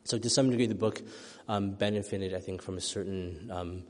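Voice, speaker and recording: At a reading, a middle-aged man from the United States, an author, reads aloud and then fields questions from the audience. His voice is low and even at a moderate pace, thoughtful and soft with frequent ums and restarts, and the hall leaves a long, lingering echo.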